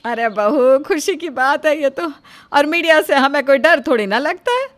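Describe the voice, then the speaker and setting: A woman's voice: sits high, lively intonation, moderate pace, voice pushed up. A woman voicing a blunt, uneducated mother-in-law from a village, scolding and outspoken. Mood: scornful. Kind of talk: Hindi storybook voice acting.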